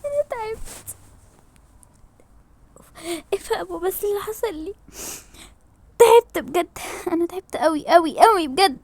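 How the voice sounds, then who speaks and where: Woman voicing a crying young woman, Egyptian accent, pleading, very high-pitched, dry close sound. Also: expressive, fast talker, darkish tone, no echo. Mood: exhausted. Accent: Egyptian Arabic. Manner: sobbing, pleading. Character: tearful distressed young woman, worn out.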